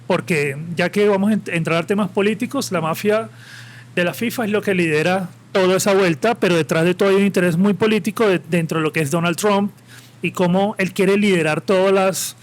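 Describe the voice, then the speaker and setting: This man talks fairly quickly in a high voice, a Caribbean-coast Colombian from Santa Marta whose accent shows. As a guest at a live podcast with an audience present, he rambles with passion and strong opinions.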